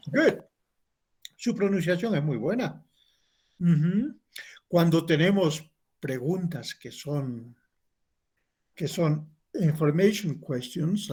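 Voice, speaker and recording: A man's voice: on the high side, a little mellow, slightly rough. A man teaching an English class, patiently explaining and modeling questions.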